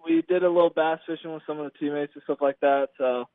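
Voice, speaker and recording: A baseball player in his twenties from California gives a casual, laid-back interview as a guest over the phone. His voice is on the high side with a steady tone and quick pace, and the dry recording comes through a tinny, narrow phone line.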